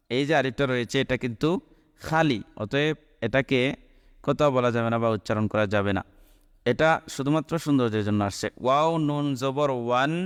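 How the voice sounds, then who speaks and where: A man teaching how to recite a short Quran chapter, spelling out each letter and vowel mark before chanting the verse in long, drawn-out tones. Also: mid-range voice, smooth. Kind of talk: slow recitation lesson. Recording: long echoing reverb.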